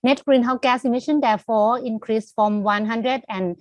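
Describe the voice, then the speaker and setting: A woman presents data in a steady, formal delivery. Her voice sits a little high and sounds dry and close, with no room sound. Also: normal speed, no echo. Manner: steady, reading out figures. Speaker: presenter from a Thai greenhouse gas agency.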